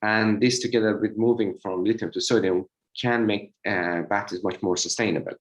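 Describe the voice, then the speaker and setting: Hoarse low-voiced man giving a lecture. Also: steady tone, brisk. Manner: hesitant, many "uh" fillers. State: slightly hoarse, lost voice. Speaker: associate professor giving a webinar talk. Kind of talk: academic presentation. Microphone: video call.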